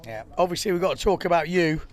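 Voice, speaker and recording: A man calling a live event from a commentary studio, his voice sitting a touch high. He talks in an excitable, chatty way, full of small fillers and quick reactions.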